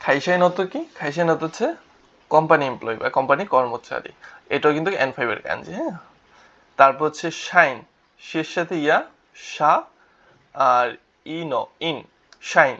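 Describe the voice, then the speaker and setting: A man's voice: a little high, normal speed, pauses often, bright, forceful tone. A man teaching vocabulary in a lesson, spelling out syllables and asking and answering his own questions. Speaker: Japanese language teacher. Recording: dull lo-fi recording.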